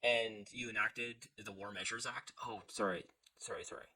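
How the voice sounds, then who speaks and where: A man with a fairly low, bright and forceful voice rambles through casual political reaction commentary. He is sarcastic and punches words with sudden loud emphasis. He is from Canada. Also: steady tone, moderate pace.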